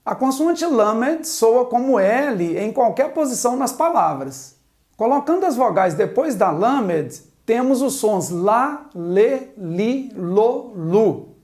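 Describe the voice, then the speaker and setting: In a slow, patient board lesson, a woman teaching Hebrew sounds out letters one at a time and invites the viewer to say them back. She speaks in a sing-song way at a measured pace, with a darkish tone and a voice on the high side.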